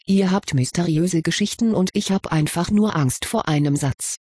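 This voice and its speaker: A reader doing a quiet, serious schoolboy wizard, Tasuin. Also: medium pitch, moderate pace, breathy edge, dry recording, natural voice. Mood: subdued. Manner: subdued, hiding his fear. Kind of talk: audiobook reading.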